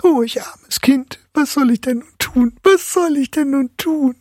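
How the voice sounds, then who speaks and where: A sobbing little girl pours out her woes, her voice pitched far up and thin with breath, as a male reader puts her on. She pleads in a dry, close reading voice, lamenting without pause. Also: darkish tone, breathy edge, no echo, exaggerated voice.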